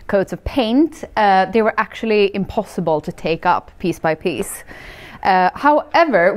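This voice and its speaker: A woman's voice: mid-range voice, a little mellow. Upbeat young woman vlog host. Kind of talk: casual vlog presenting to camera. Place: bare farmhouse room.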